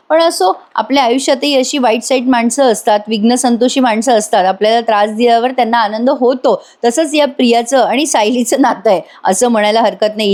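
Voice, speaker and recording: Here a TV serial reviewer with a slightly high, darkish voice narrates a casual recap. Her tone is chatty, and she talks straight to the people watching.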